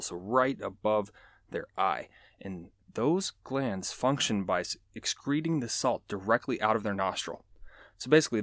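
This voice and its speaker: A man's voice: on the low side, no echo. A man hosting a nature show, explaining animal facts in a casual, joking way with chatty asides. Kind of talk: casual educational podcast talk.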